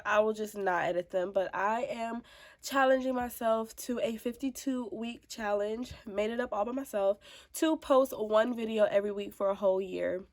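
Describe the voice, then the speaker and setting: A woman in her twenties vlogging about motherhood, talking casually and emphatically to her viewers, with a stuffy, congested voice. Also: medium pitch. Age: 20s. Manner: chatty and emphatic, calls viewers child and baby. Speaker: mom vlogger. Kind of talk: casual vlog talk to camera.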